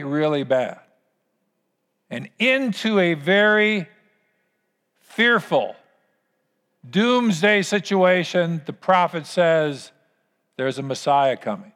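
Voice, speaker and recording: A man preaching a sermon as pastor, with earnest, emphatic phrasing and deliberate pauses. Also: high voice, a bit bright. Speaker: pastor leading a church service. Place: large church hall. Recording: long hall reverb.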